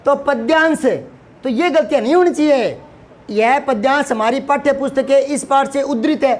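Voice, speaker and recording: A man's voice: very high-pitched, moderate pace. A man teaching a lesson to students, scolding and asking rhetorical questions, often repeating words for emphasis. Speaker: Hindi teacher.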